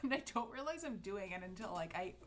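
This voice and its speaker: With a little hiss or hum in the audio, a Canadian-accented woman chats fast and animatedly with live viewers while doing calligraphy. Her medium-pitched talk is upbeat and peppered with fillers and restarts.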